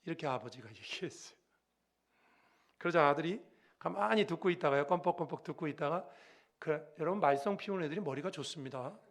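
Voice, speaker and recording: A man's voice: fairly high pitch, a little fast. A middle-aged man preaching a sermon as pastor, telling stories with acted-out voices and asking the congregation questions. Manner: lively storytelling, acting out quoted voices; asks the congregation questions directly.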